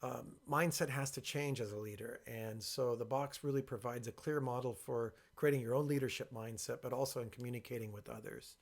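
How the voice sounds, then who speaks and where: A man presenting informally and explaining his work, speaking with a box over his head, in a creaky voice. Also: mid-range voice, fairly even intonation, brisk, hardly any pauses. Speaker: workshop creator and presenter.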